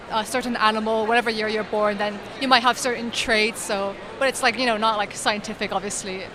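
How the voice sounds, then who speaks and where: An Irish woman speaking casually as an interview guest, filling her sentences with "like" and "you know". Her voice is fairly high, and the chatter of a busy exhibition hall surrounds her. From Ireland. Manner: chatty, lots of filler words like "like" and "you know". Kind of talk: casual chat. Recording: crowd noise of a busy expo hall.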